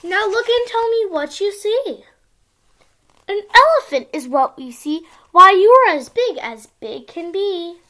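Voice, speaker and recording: A young girl with a high, childlike voice reads a picture book aloud to little kids. Her delivery is expressive and sing-song, in the manner of a storytime for small children. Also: measured pace. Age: child, around ten. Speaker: young video channel host reading a picture book. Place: small indoor room at home.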